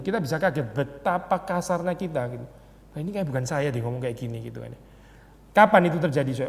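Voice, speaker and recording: Conversational pastor in a reverberant hall. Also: male voice, on the high side. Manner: conversational, asks the audience rhetorical questions; reads English quotations slowly. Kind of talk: Bible study teaching. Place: church hall.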